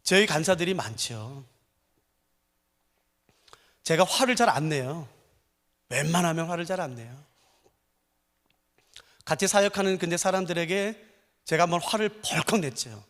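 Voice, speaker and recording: Middle-aged male pastor, sermon, bright high voice, very lively pitch, long church-hall reverb. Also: moderate pace, pauses often. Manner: animated storytelling preacher, swings from hushed to loud.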